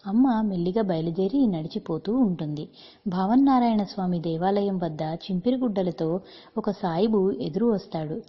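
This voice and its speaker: Husky-voiced woman narrating a story. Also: mid-range voice, lo-fi sound.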